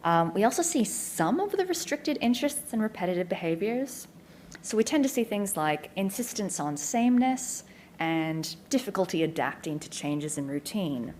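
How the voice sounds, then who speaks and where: An Australian woman giving a clear, informative conference presentation as a neuropsychologist, with frequent ums. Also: mid-range voice, animated, moderate pace, a little mellow, slight background noise. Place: community information day presentation.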